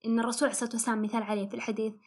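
A woman talks through advice on her solo podcast. Her voice sits a little high and slightly husky, and she speaks quickly. She is reflective and often breaks off to restart a phrase. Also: flat delivery. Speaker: podcast host.

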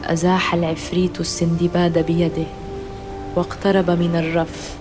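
A narrator reading a scripted children's adventure story in a measured storytelling style. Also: male voice, a little high, monotone, music in the background.

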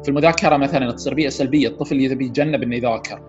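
A man, a psychiatrist guest who explains patiently with everyday examples and frequent pauses to find the word. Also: medium pitch, fairly even intonation, dull audio, music in the background. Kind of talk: casual expert explanation.

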